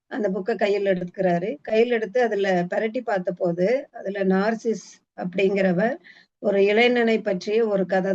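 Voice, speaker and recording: A woman retells a book's story in a loose, unscripted way, often pausing on fillers and restarting her phrases. Her voice sits in a middle pitch. The recording is dull and lo-fi, with muffled highs. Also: a little mellow. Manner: hesitant, frequent fillers and restarts. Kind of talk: casual spoken book retelling.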